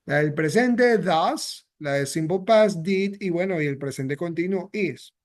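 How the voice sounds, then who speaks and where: High-voiced bilingual English teacher. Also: male voice, unhurried. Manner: mixes English and Spanish, repeats phrases with "¿ya?" and "¿ok?". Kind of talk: bilingual classroom explanation.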